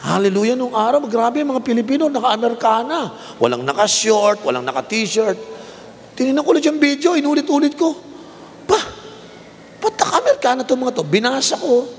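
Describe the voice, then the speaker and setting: Filipino preacher in his fifties, fairly high voice, long arena reverb, faint crowd behind; climbs high on rhetorical questions. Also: animated, normal speed. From Philippines. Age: 50s. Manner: voice rises sharply in pitch for emphatic rhetorical questions. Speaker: bishop preaching. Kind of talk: sermon mixing Tagalog and English. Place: large indoor arena.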